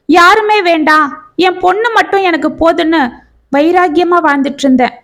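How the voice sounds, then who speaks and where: A woman's voice: high-pitched, a bit bright. A woman voicing a distressed middle-aged single mother, tearful and pleading. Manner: tearful, pleading, rising and raw.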